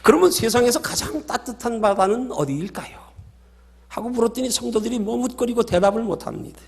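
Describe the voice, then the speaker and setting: A man's voice: extremely high pitch, lively intonation, brisk, gravelly. A male pastor preaching a sermon, emphatic and full of stories.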